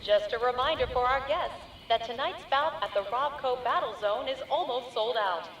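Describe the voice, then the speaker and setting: A woman voicing a cheerful amusement park announcer whose polite announcements come over an outdoor loudspeaker. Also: high-pitched, moderate pace. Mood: announcing. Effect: outdoor public address loudspeaker. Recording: echoey loudspeaker from far off, noisy.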